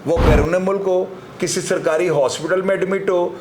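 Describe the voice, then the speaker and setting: A man with a Pakistani Urdu accent breaks down legal terms like a seasoned crime analyst. He lectures with emphasis and keeps leaning on filler phrases. His voice sits a little high, and it echoes in a room with faint noise behind it. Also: steady tone, normal speed. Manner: lecturing, emphatic, frequent filler 'jo hai na'. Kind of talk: explanatory talk-show commentary.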